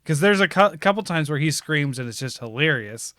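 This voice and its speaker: A man with a slightly high, bright voice chats about games with animated energy. He laughs easily as he co-hosts a casual podcast. The sound is dry and close. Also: a little fast, dry recording. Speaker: podcast co-host. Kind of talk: casual gaming chat.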